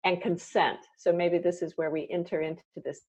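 A woman's voice: on the low side, little pitch movement, normal speed, a little mellow, slightly rough. A woman hosting a casual conversation, reflective and rambling, with many fillers. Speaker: host. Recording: dull lo-fi sound.

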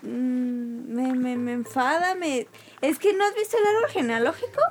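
A woman with a Mexican accent co-hosting a podcast, talking bluntly and swearing casually in relaxed chat. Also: high voice, moderate pace. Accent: Mexican Spanish. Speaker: podcast co-host.

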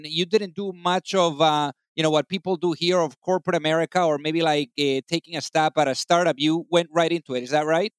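A man's voice: fairly high pitch, clean tone, no echo. A man hosting an interview podcast, upbeat, often repeating words as he searches for phrasing. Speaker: podcast host.

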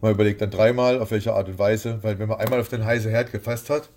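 Fast-talking, blunt boxing promoter man. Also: lowish voice, fairly even intonation, darkish tone, slight background noise. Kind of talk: casual interview.

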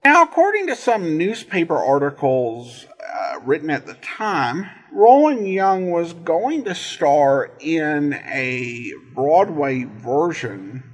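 A man hosts an informal commentary show in a husky, fairly high voice. His intonation swings widely and his delivery is halting and uneven. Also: sing-song. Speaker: podcast host. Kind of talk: informal commentary on old radio shows.

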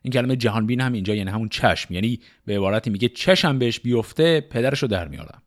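A middle-aged man telling an epic tale, reciting verse in a measured way and explaining it in relaxed asides. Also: medium pitch. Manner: measured declamation, then relaxed conversational asides. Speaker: storyteller.

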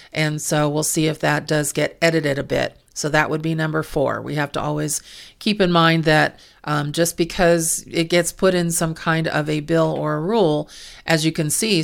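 A low-pitched middle-aged woman explains healthcare compliance rules in an informational talk. She speaks frankly, with exasperated asides. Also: gravelly. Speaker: medical coding and compliance auditor.

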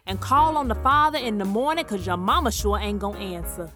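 A woman's voice: medium pitch, brisk, bright, forceful tone, soft background music, close to an everyday voice. A woman playing a folksy, blunt, churchgoing Southern radio advice auntie with a Southern US accent in a comedy sketch. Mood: sassy, pitying. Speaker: radio advice show host.

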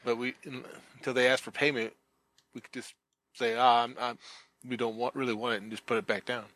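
A man's voice: mid-range voice, little pitch movement, brisk, a bit bright, no echo. A man playing a tabletop role-playing game, chatty and thinking aloud. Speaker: player. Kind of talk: casual game table chat.

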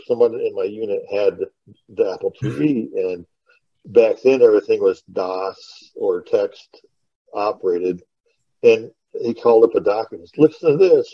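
A middle-aged podcast host with a low voice tells rambling, informal stories over an online call, reminiscing casually. The recording is dry, with dull, lo-fi call audio.

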